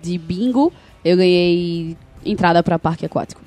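A woman's voice: fairly low pitch, moderate pace, dark tone. A woman co-hosting a podcast, chatting through anecdotes and acting out bits of dialogue. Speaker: podcast co-host. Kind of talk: casual podcast chat.

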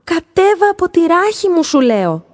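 A woman voicing a grown male dolphin in a children's story, shouting exasperated complaints in a raised voice. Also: on the high side, big pitch swings, pitched above the performer's own voice. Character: flustered grown male dolphin, easily pained. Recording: long hall reverb.

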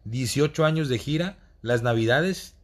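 A man's voice: mid-range voice, moderate pace. A man with a Mexican Spanish accent hosting a casual interview, chiming in often with eager, affirming remarks. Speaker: host.

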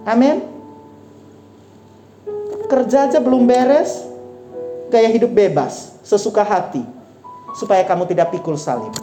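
A woman's voice: on the high side, dark tone. A woman pastor preaching a sermon, exhorting her listeners, repeating phrases and often saying "Amin". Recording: roomy hall sound with faint instrument music.

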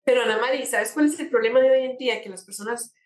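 Appearing as a conversational talk show guest, a woman coaches on changing attitudes, using rhetorical questions and everyday examples to explain her points. Her voice is a little high and slightly mellow, her pace quick, and the room is echoey.

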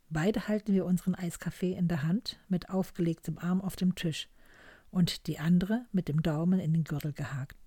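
Female narrator, measured storytelling, mellow tone, dry close sound. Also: fairly low pitch, breathy edge, no echo. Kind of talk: first-person story reading.

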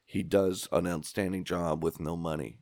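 A man's voice: low voice, steady tone, normal speed, a little mellow, dry recording, studio quality. A man co-hosting a horror movie podcast, chatting casually, playful and sarcastic. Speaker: podcast co-host. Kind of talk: casual chat.

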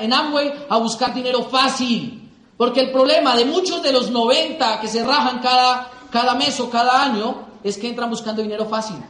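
Middle-aged Colombian man, high voice, lively stage speaker telling stories in an echoey hall. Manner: animated storytelling, acts out dialogue. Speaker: motivational speaker. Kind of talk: motivational talk to an audience.

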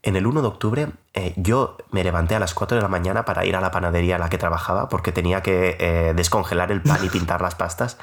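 A man's voice: sits low, fast talker, hardly any pauses. A young man in his twenties hosting a podcast, telling a personal story in a casual, rambling, self-mocking way with many filler sounds.

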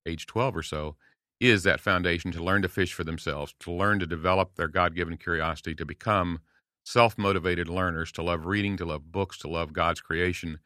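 A low-voiced man in his late sixties, speaking at a moderate pace with fairly even intonation, appears as a guest on a casual podcast. He tells stories earnestly, offering listeners warm encouragement and acting out quotes. The studio sound is clean, with no echo.

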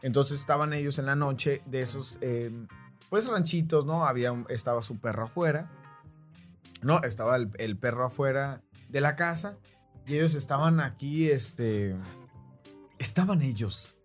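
A man's voice: medium pitch, moderate pace, soft background music. A man with a Mexican accent hosting a podcast, telling a story in a rambling way and often checking in with his listeners. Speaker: podcast host. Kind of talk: casual storytelling.

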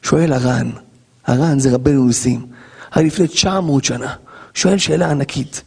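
A man, a rabbi, giving an animated Torah lesson, acting out scenes and firing rhetorical questions at listeners. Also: medium pitch, vocal fry, breathy edge, big-room sound.

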